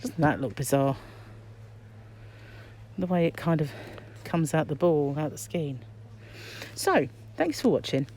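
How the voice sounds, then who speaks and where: Very animated yet unhurried, a middle-aged British woman's low, slightly mellow voice comes through muffled by a face mask. The crochet vlogger muses aloud while shopping in an aisle, offering chatty commentary for a casual vlog. Her handheld phone, held behind the camera, picks up background noise and shop ambience.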